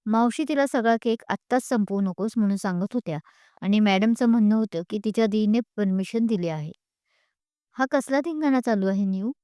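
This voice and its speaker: Mellow, smooth woman storyteller. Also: on the high side, no echo, clean studio sound. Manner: steady, expressive storytelling. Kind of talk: audio story narration.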